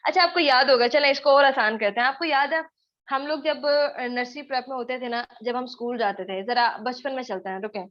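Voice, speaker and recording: A young woman teaching spoken English in an online class, short of breath, mixing English into her explanations and repeating points for emphasis. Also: on the high side. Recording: dull lo-fi online class audio.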